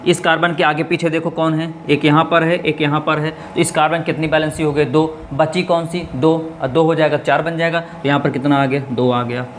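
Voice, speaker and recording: Male chemistry tutor, slightly high voice, asks and answers his own questions, faint noise behind. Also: fairly even intonation, moderate pace, hardly any pauses. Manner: asks students questions and answers them himself; counts out steps one by one. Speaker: chemistry teacher. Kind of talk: classroom lesson at a board.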